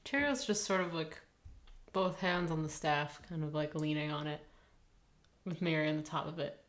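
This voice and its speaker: Low-voiced woman playing a tabletop game. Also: normal speed. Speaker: player. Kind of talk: describing her character's actions in a tabletop game.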